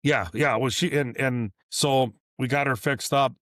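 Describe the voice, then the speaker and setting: A man's voice: medium pitch, steady tone, measured pace, fairly bright tone, no echo, clean studio sound. A man, a repair shop owner, telling a long story in a casual podcast interview, rambling and acting out what people said. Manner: rambling, repeats and restarts, acts out dialogue. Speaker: business owner guest.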